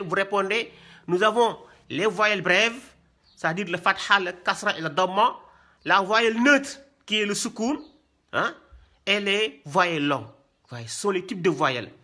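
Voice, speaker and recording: A man's voice: sits high, sharp tone. A man teaching how to read Arabic script, repeating each point and checking with "hein" and "voyez bien". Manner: repetitive, drills terms, asks "voyez bien" and "hein". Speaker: Quran reading teacher. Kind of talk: classroom lesson.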